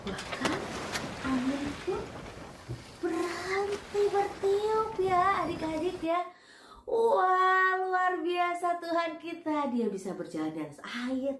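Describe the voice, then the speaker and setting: A woman's voice: extremely high pitch, lively intonation, slow, fairly bright tone, roomy sound, slight background noise, rough recording. A woman, a children's church teacher, telling a story to young children in an exclamatory, coaxing way.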